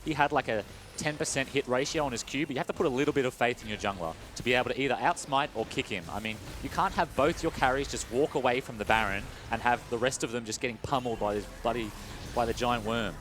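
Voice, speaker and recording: A man's voice: mid-range voice, fast talker, fairly bright tone, slight background noise. A man giving blunt, wry esports analysis with self-mocking humour. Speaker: esports caster. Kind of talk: esports analysis desk chat.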